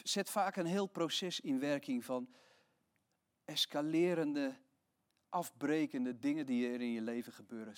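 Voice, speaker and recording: A man preaching a sermon in a fairly high voice. He retells a Bible story with expressive, emphatic storytelling and leans hard on his key words.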